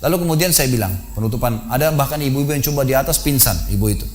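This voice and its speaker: A middle-aged man with an Indonesian accent preaching a sermon in a mosque, telling a story and swinging from loud urgent warnings to low, quiet narration. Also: fast. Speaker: Islamic preacher. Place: large mosque.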